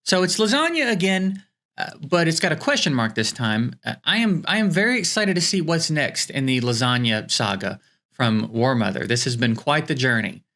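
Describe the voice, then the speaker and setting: A man's voice: on the high side, very animated, moderate pace, pushed and bright. A man hosting a comedy show, reading fake tweets aloud in a bemused way with stammering restarts.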